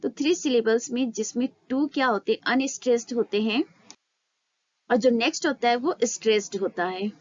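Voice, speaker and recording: A woman teaching an exam-prep literature lesson, explaining in a Hindi-English mix, asking questions and answering them herself, and reading English statements slowly. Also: on the high side, no room sound. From India. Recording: slightly dull, dry sound.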